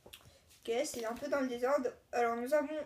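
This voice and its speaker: A woman hosting her own video, chatting casually and haltingly as she opens card packs and lists each one. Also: on the high side, fairly even intonation, a little mellow. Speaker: video host. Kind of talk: casual card-unboxing commentary.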